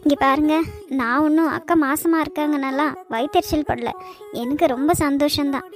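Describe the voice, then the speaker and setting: A woman voicing a young wife in a cartoon, speaking softly and pleadingly. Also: high voice, fairly even intonation, brisk, soft background music, close to an everyday voice. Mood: tearful. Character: young wife, usually cheerful teaser, now tearful.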